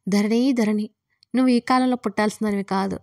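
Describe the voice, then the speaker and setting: A woman voicing a mischievous young female friend who teases and chatters excitedly. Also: mid-range voice, normal speed, no echo, studio quality, natural voice. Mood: teasing.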